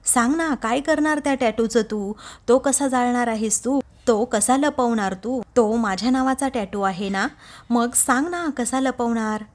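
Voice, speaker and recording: A woman's voice: on the high side, a little slow, natural voice. A woman voicing an angry young woman who confronts her secret lover, in a retold TV serial scene. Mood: angry, defiant. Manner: angry, insistent quoted lines.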